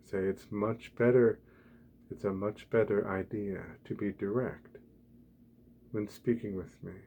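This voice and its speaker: A man speaking softly and quietly as if at night, reading and reflecting in halting, deliberate short phrases, ASMR style. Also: on the low side, steady tone, narrow, tinny audio. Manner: quiet, hushed night-time talking. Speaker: blogger reading from own blog. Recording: clear background ambient noise.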